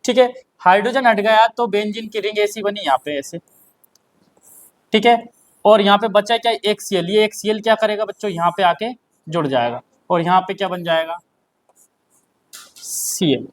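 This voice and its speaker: A male chemistry teacher with a Hindi accent, lecturing and dictating notes. He keeps asking the class questions and answering them himself, and he repeats key terms slowly. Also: sits high.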